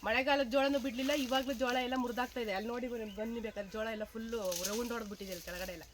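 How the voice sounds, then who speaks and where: A woman's voice: fairly high pitch, steady tone, racing, slight background noise. A rural woman farmer speaking outdoors in her field, worried and pleading as she tells an interviewer her complaint. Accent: Kannada, Hassan rural.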